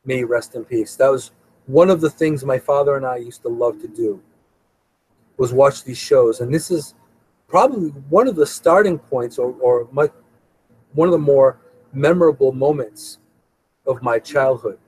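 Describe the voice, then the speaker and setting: A man's voice: medium pitch, moderate pace, a little mellow, breathy edge, low-quality recording. A middle-aged man hosting a live show in a casual, rambling way, often repeating his words. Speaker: host. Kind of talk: casual live-stream talk.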